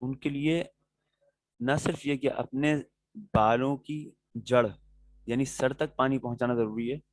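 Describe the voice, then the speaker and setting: A male teacher leads a class on religious rulings at a patient, methodical pace, pausing to check that his students follow. His voice sits at an ordinary pitch. It is recorded dry and close, with no room echo. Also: fairly even intonation. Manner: patient, explains step by step, checks in with "okay"; answers students' questions directly.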